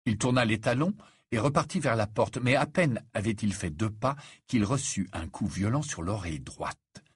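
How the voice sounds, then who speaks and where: A man reading a novel aloud as audiobook narrator, measured and expressive. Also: on the low side, husky, no echo, studio quality. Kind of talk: scripted narration.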